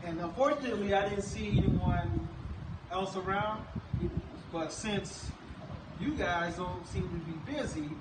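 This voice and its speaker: A man's voice: sits high, a little slow. Guy acting as pompous college team wrestler, formal wording, echoey and noisy recording. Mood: self-important. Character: earnest, self-important university team wrestler, male. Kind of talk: backstage wrestling skit promo. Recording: echoey, noisy room, distant mic.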